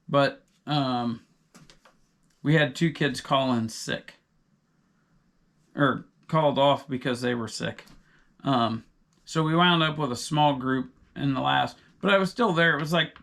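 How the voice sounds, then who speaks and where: A middle-aged man with a gravelly, slightly raised voice chats loosely on a podcast. He rambles through his stories, sidetracking himself before circling back to the point. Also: fairly high pitch, a bit bright. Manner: rambling, digressive storyteller. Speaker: podcast co-host. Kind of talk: casual chat.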